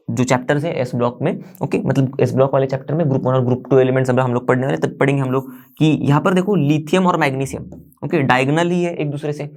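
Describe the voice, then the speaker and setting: A man's voice: fairly high pitch, darkish tone. A man teaching a chemistry lesson, standing at a board. He explains step by step, mixes English terms into his Hindi and keeps checking in with the class. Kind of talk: classroom lecture.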